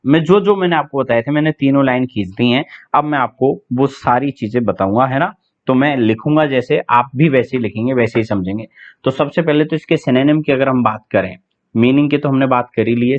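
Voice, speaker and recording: A man teaching English vocabulary for an exam, chatting with students, asking them questions and spelling words letter by letter. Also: medium pitch. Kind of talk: online exam-prep vocabulary lesson. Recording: tinny phone-like sound.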